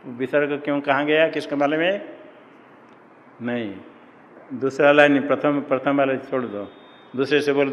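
A man teaching Sanskrit grammar to a class, slowly drawing out vowel sounds and quizzing his students. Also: fairly high pitch. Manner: slow, drawn-out chanting of vowels and rules, quizzing students. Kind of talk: classroom lecture. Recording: faint room ambience, long hall reverb.

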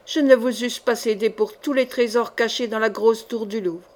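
A woman reading the part of a sinister male poisoner in an audiobook, cold and boastful, in her own slightly high voice. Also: fairly even intonation, moderate pace, darkish tone, close to an everyday voice.

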